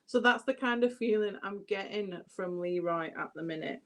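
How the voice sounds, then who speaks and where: A woman's voice: mid-range voice, normal speed, a bit bright. A British woman giving a chatty live tarot reading, addressing viewers by name and thinking aloud as she turns the cards. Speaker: tarot reader.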